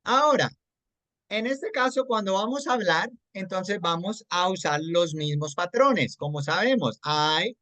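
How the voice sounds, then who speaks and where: Slow, patient Colombian English teacher. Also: mid-range voice, lively intonation, fairly bright tone, no room sound. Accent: Colombian Spanish. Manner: patient, checks understanding often; mixes English words into Spanish explanation. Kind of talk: explaining grammar to a student. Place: online class.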